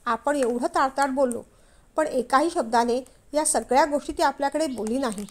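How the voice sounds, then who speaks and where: A woman narrating a family story in a steady, expressive reading. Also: high-pitched, moderate pace.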